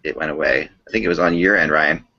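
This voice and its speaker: A man's voice: rumbling low, quick pace, pushed and bright. A man hosting a casual sports podcast discussion over a remote online call, often repeating and rephrasing his points. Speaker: podcast host. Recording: dull lo-fi online call audio.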